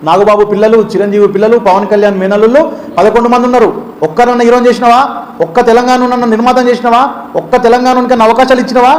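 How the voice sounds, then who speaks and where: A man's voice: very high-pitched, flat delivery, rapid-fire. A man from Telangana with a Telangana Telugu accent, a student leader giving a heated political speech full of accusing rhetorical questions. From Telangana, India.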